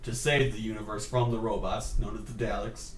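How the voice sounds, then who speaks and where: A man's voice: on the low side, flat delivery, brisk. A man co-hosting a casual chat podcast, opinionated and joking. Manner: opinionated, joking, slips into silly put-on voices. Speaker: podcast co-host. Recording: echoey room, mic far off, faint hiss.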